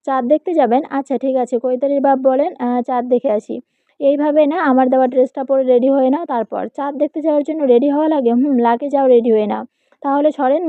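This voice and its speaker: Woman reading a love story real fast, thin phone-ish sound, dry. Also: high-pitched, dry recording, narrow, tinny audio. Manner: reads all parts herself, quick with small slips. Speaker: narrator.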